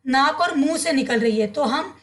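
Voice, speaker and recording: A high-voiced woman explaining grammar as a teacher. She asks her students questions, answers them herself and repeats the key terms so they stick. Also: animated, normal speed. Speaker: Hindi teacher.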